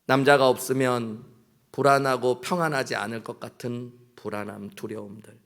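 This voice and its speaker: A male pastor preaches a sermon in a church, speaking earnestly. His voice sits in an ordinary middle pitch. He acts out prayers and short exchanges as he goes. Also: fairly even intonation, normal speed, a bit bright. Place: church sanctuary.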